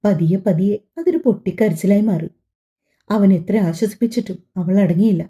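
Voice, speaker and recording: A woman narrating a family audiobook story in a calm, even storytelling manner. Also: medium pitch, normal speed.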